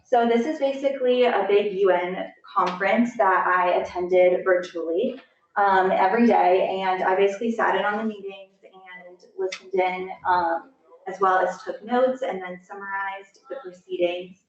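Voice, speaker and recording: A young woman student calmly explaining her internship work. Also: medium pitch, normal speed. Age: young adult. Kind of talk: presentation. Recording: echoey, distant, dull lo-fi sound.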